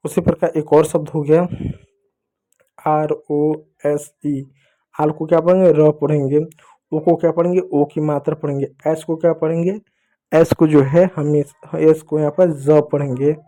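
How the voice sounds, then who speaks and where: Man, teacher, mellow slightly high voice, patient, spells words letter by letter, call-and-response lesson. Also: poor audio. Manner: patient, repeating questions and answers in a call-and-response way. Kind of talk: Hindi phonics lesson for children.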